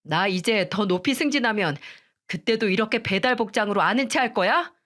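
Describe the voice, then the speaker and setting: A woman's voice: medium pitch, expressive, fairly quick, a bit bright, close to an everyday voice. A woman voicing an arrogant young husband who talks in a curt, irritated, condescending way.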